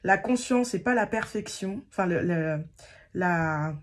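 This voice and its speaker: Hesitant low-voiced woman reading tarot cards. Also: a little slow. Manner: hesitant, many fillers and restarts, self-deprecating. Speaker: tarot card reader. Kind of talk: casual tarot guidance to viewers.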